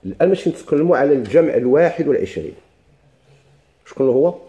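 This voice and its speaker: A man with a Moroccan Arabic accent teaching a grammar lesson, repeating each word slowly for his students. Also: fairly high pitch, expressive, dark tone. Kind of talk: classroom lesson.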